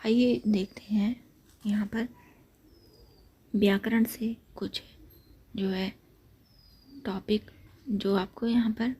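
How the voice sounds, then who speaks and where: A woman teaching an exam-prep grammar lesson, explaining point by point and repeating key facts, with trailing syllables that drop to a breathy near-whisper. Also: medium pitch, mellow. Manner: repetitive, explains points step by step.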